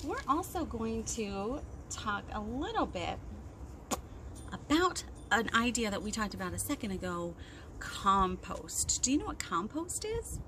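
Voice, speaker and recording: Wind and outdoor sounds come through clearly as a librarian in her thirties runs an interactive storytime for young children on a wooden deck among trees. Fairly high-pitched and a little slow, she is expressive and sing-song, asking the kids lots of questions.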